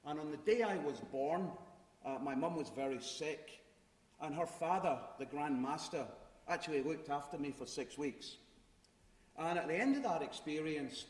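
A middle-aged man from Glasgow with a Glaswegian accent, giving an emphatic, conversational public talk with personal stories. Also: on the high side. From Glasgow, Scotland. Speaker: conference speaker. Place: large reverberant room before a live audience. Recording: echoey hall, distant microphone.

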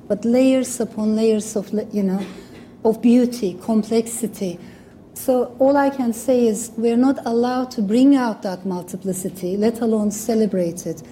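This guest speaker, a woman from Turkey, delivers a public talk in accented English, which is not her first language. Warm in tone and a touch high-pitched, she is earnest and reflective, occasionally restarting a phrase, against slight background noise.

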